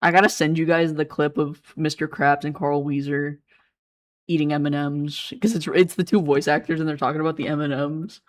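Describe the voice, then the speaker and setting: A woman's voice: sits low, fairly even intonation, a little fast. A woman streaming a game, chatting in a playful, rambling way and laughing often. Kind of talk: casual game stream chat.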